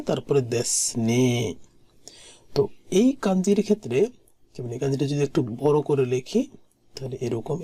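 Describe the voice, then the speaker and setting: A language teacher giving a recorded exam-prep lesson, patiently repeating each word slowly and sometimes dropping to a soft murmur. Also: medium pitch, slightly rough.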